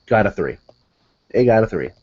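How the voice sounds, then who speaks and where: Rambling, exasperated young man, low voice. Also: big pitch swings, moderate pace, slightly rough, dull audio. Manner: rambling, self-correcting, exasperated. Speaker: wrestling show reviewer. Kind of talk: casual solo review commentary.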